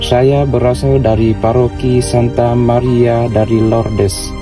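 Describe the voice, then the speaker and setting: Young friar, slow and measured testimony over clear backing music. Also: male voice, mid-range voice, level tone. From Vietnam. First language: Vietnamese. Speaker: Capuchin friar. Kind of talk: personal vocation testimony.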